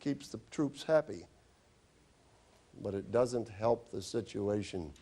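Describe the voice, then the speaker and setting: A man's voice: lowish voice, slow, dark tone, husky. A man who is a doctor, telling chatty, wry anecdotes in a health lecture. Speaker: doctor giving a stop-smoking talk.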